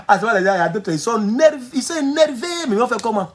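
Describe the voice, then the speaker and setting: At a quick pace, this Ivorian-accented man, who works as an online political commentator, goes over viewer comments on a livestream in a casual way. He is lively and mocking and laughs a lot, muttering low one moment and flaring up loudly the next, with a sore back.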